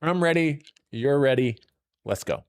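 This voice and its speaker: A man's voice: on the high side, animated, unhurried, soft background music. A young man hosting a casual gaming stream, chatty and laid-back, talking while his voice is worn. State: losing his voice. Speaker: streamer host.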